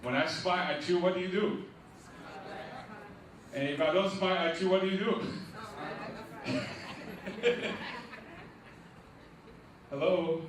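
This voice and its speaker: A middle-aged man from Liberia, founder of a nonprofit, speaks slowly in a high voice with frequent pauses as he gives a preacherly launch speech, questioning the crowd and building to emphatic peaks. A distant mic records him in a large echoey event hall, and there is noise throughout.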